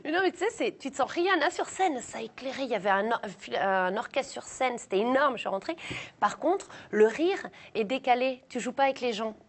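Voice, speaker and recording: A woman's voice: fairly high pitch, expressive, fairly quick. A young woman comedian from the south of France, chatting casually and self-mockingly in an interview, with lots of fillers and restarts. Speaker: comedian guest.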